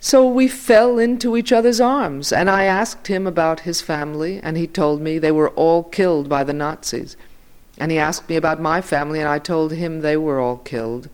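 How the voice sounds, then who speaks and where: A man's voice: fairly high pitch, fairly even intonation, moderate pace, clean tone, lightly acted. A man voicing an elderly male journalist who tells his story with rising heat. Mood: impassioned.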